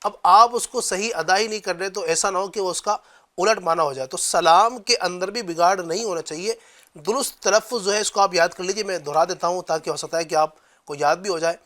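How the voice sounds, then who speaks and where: A man with a slightly high voice hosts a religious discussion program. He talks in a measured, teacherly way and slows down to carefully spell out key phrases. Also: bright, forceful tone. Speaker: host. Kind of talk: religious talk show discussion.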